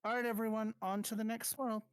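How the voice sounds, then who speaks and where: A game master in a casual online voice chat, handing out quick instructions and often restarting sentences. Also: mid-range voice, little pitch movement, slight background noise.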